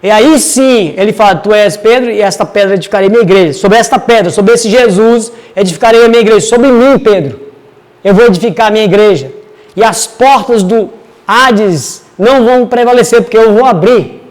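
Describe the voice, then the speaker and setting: A man's voice: sits high, moderate pace, long reverb tail. A man teaching a casual Bible study, chatty and digressive as he reads verses aloud.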